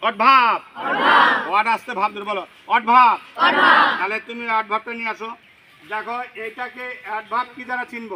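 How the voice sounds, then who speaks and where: A male English teacher drilling children in a classroom, loudly firing the same questions again and again in call-and-response. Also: high-pitched. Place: busy classroom full of children. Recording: loud noisy crowd of children.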